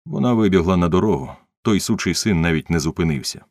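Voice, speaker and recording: A man voicing a rough, commanding wealthy man who talks in a gruff, domineering way. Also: deep voice, quick pace, a little mellow, no room sound, studio quality.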